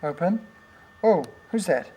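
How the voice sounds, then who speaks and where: A man's voice: sits high, expressive, takes it slowly, mellow, a little hiss or hum. An older man, playfully reading picture books to a toddler at home, with teasing questions and animal noises.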